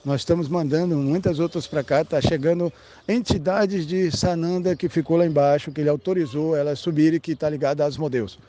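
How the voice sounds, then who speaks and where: A man's voice: fairly high pitch, fairly even intonation, a little fast, dark tone, a little hiss or hum. Blunt Brazilian man preaching esoteric ideas. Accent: Brazilian Portuguese. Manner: blunt, emphatic, sprinkled with profanity; addresses the listener directly with frequent "tá?". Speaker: esoteric spiritual speaker. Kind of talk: rambling esoteric monologue.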